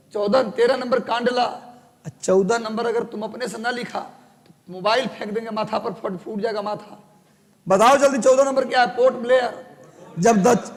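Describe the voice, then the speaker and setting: Gravelly high-voiced Hindi teacher in a hall. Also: male voice. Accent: Bihari Hindi. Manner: joking, scolding, dictating to students. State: sore throat. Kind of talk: live classroom lecture. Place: classroom.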